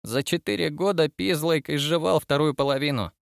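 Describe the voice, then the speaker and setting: A man's voice: fairly high pitch, moderate pace, creaky, no room sound, pitched above the performer's own voice. A sarcastic ship's cook, played by a male audiobook reader, mocking and smug in his delivery. The sound is dry and close, with no room around it.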